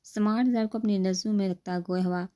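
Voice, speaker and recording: Monotone woman reading a novel aloud. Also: mid-range voice. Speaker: audiobook narrator. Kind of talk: scripted novel narration.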